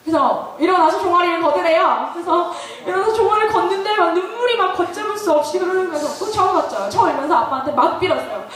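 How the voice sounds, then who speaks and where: A woman giving a testimony sermon at a church retreat, telling an animated story and putting questions to the audience. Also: extremely high pitch, quick pace, few pauses. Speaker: retreat speaker. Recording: echoey hall, distant mic.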